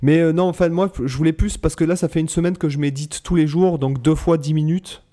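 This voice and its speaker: Guy hosting a podcast, relaxed dark voice, casual, kinda rambles and stumbles over his words. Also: on the high side, fairly quick. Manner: hesitant, rambling, repeats words. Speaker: podcast host.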